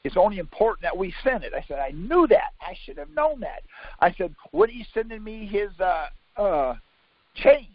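Teaching legal theory through questions, a man leads a conference call with a high voice full of big pitch swings and some vocal fry. His pace is moderate and his manner informal yet insistent as he quizzes and contradicts the listener; the line sounds muffled and lo-fi, with no echo.

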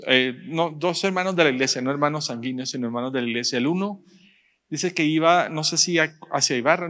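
A man, a pastor preaching a sermon in church, speaking directly to the congregation and slowing down to stress his points. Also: on the high side, pushed and bright. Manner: direct, addresses the congregation, rising emphasis and slow stressed phrases.

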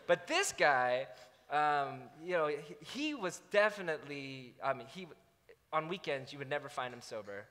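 A man delivers a storytelling sermon in a high, ringing voice. His pitch swings widely as he acts out his own lines with self-mocking energy. The sound carries the long reverb of a large hall. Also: very animated, normal speed, pushed and bright.

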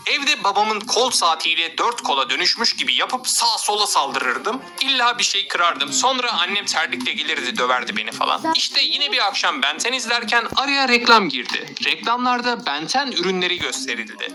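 A man's voice: high-pitched, pushed and bright. A man casually telling a comic childhood story to his viewers. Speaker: comedy storyteller, content creator. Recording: music under the voice.

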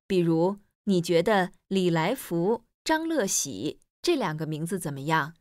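Lively-voiced woman explaining as teacher. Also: lowish voice, no echo, studio quality. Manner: clear, measured explanation. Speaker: teacher in a scripted textbook dialogue. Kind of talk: scripted listening-exercise dialogue.

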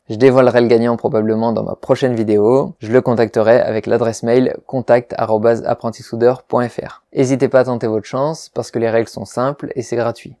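Male welding host, mellow dark tone, dry close sound, frank methodical review read. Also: mid-range voice, no echo. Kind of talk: product review narration.

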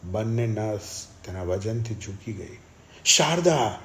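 A man reading a novel aloud as an audiobook narrator, in steady, measured storytelling. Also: fairly low pitch.

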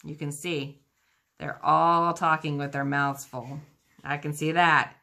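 A woman's voice: deep voice, fairly even intonation, slow pace, pushed and bright. A woman teacher reading a children's book aloud, engaging her young listeners with questions about the pictures.

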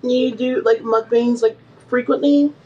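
A woman on a casual video chat who talks in a flat, nonchalant way, with lots of fillers. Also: on the high side, measured pace. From California and Louisiana. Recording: muffled lo-fi call with faint noise.

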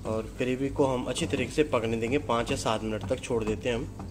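A man's voice: mid-range voice, steady tone, fairly quick. A man, a chef, explaining a recipe step by step in a kitchen cooking demonstration.

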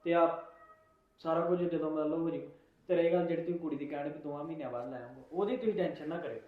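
A man acting as a persuasive friend setting up a match, quick-talking and fairly high for a man. The sound is very echoey and lo-fi with faint noise. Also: close to an everyday voice. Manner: persuasive, reassuring.

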